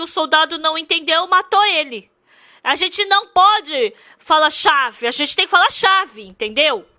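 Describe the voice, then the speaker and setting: A woman's voice: very high-pitched, pushed and bright, dry recording, studio quality. A woman interprets a sermon. She speaks emphatically, repeats her points and asks the congregation many rhetorical questions.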